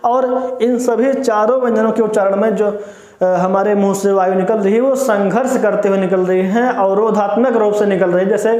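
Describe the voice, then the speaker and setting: A man with a light, high voice teaches grammar to students in a classroom style. He goes step by step, repeats himself and keeps checking that they follow. The sound rings off the walls of an echoey room. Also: fairly even intonation, normal speed, darkish tone. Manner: repetitive, explains step by step, frequent "ठीक है ना" check-ins.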